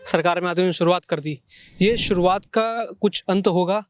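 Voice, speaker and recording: A man's voice: sits high, moderate pace, smooth, no echo. A male reporter asking questions in a street interview outdoors, insistent and persistent. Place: outdoors by a river.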